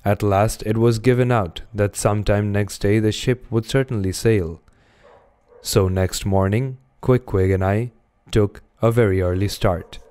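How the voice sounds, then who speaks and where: Low-voiced man reading a classic novel. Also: steady tone, measured pace, warm tone, smooth. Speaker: reader. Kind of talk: audiobook narration.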